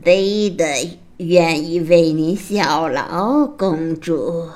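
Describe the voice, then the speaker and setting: A woman's voice: on the low side, drawn-out words, a little mellow. A woman voicing a sly, ugly male weaver who speaks in a cracked, grating voice. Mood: scheming.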